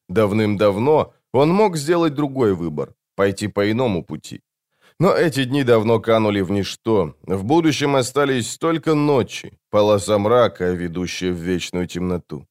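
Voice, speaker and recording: Low-voiced male audiobook narrator. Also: darkish tone. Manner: measured storytelling delivery. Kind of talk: scripted fantasy audiobook narration.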